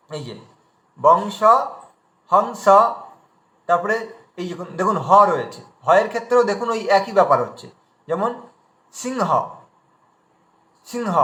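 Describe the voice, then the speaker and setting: A man's voice: high-pitched, a bit bright, reverberant. A man teaching an online pronunciation class, patiently spelling out letters one by one as he shares his screen.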